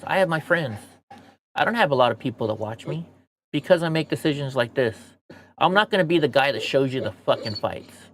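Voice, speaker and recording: A man's voice: mid-range voice, fairly bright tone. An American man with missing front teeth venting bluntly and casually to his stream viewers, swearing as he rambles. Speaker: streamer, show host. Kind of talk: candid monologue to viewers, casual and profane.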